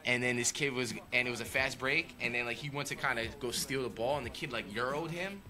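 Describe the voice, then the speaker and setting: A man's voice: medium pitch, quick pace, pushed and bright, soft background music. A young man co-hosting a podcast, telling stories in a slangy, laid-back way. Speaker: podcast co-host. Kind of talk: casual chat.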